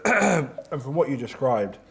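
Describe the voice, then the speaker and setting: A man's voice: medium pitch, very animated, slow, vocal fry, slight background noise. Man hosting a hot wing challenge. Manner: chatty, laughing, reacting to spicy food. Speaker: host. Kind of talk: casual interview during a hot wing challenge.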